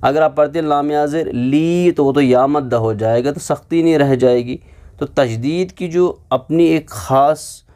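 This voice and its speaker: A man teaching a lesson on Quran reading, spelling letters slowly and having listeners repeat after him, then explaining quickly. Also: fairly high pitch, dark tone.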